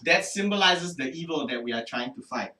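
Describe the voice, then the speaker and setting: A man's voice: a little high, animated, a little fast, bright, forceful tone, voice pushed up. A man voicing an earnest, frustrated male knight with formal, stiff speech. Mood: stern. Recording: roomy, distant mic.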